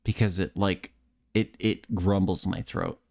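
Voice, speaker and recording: Low-voiced dude on a late stream, rambles, repeats words, swears a lot, jokes about himself. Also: male voice, fairly even intonation, measured pace, vocal fry, darkish tone. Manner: swears freely, joking and self-mocking. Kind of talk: casual late-night stream chat.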